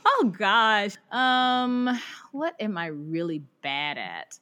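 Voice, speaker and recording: Bright, lively woman teacher in conversation. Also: medium pitch, slow pace, smooth. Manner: animated storyteller who acts out her classroom voices with laughter. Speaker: teacher and podcast guest. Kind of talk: candid conversational interview.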